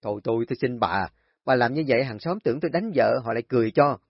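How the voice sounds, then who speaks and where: A man's voice: mid-range voice, animated, dry recording. A man playing a mild, easygoing older husband who speaks unhurriedly. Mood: pleading. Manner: unhurried, reasoning. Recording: dry, dull lo-fi recording.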